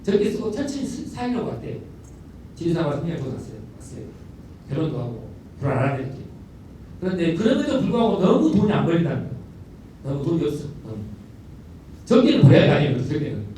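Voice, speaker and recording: A middle-aged man tells stories from school life, high-pitched and lively, his voice rising and falling widely as he talks quickly. He repeats words for emphasis. The sound is echoey and comes from a distant mic in a large hall, with a faint hum behind. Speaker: elementary school principal giving a talk. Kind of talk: storytelling lecture.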